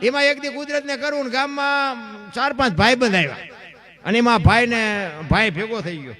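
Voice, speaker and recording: A male folk storyteller with a Kathiawadi Gujarati accent spins a comic tale in a lively, high voice. He keeps calling his listeners bapu. Faint music runs underneath. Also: fairly quick. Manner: animated, addressing listeners as bapu.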